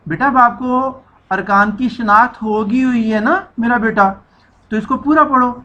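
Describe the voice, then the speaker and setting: A woman's voice: on the high side, normal speed, bright, forceful tone, highs cut off, slight background noise. A woman teacher giving a children's reading lesson, stretching out syllables and repeating each sound for the children to echo.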